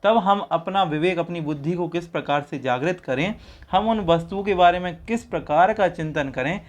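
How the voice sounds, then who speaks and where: A man's voice: high-pitched, moderate pace. A man teaching the recitation of a Sanskrit verse, breaking each word into syllables and repeating it patiently for listeners to say along. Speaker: teacher of a Jain scripture. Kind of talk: slow syllable-by-syllable recitation lesson.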